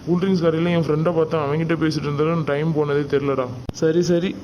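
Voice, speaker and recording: A man's voice: fairly high pitch, little pitch movement, fast, darkish tone, highs cut off, slight background noise, natural voice. A man voicing a friendly, affectionate middle-aged father in a cartoon. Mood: fatherly. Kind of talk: cartoon voice acting.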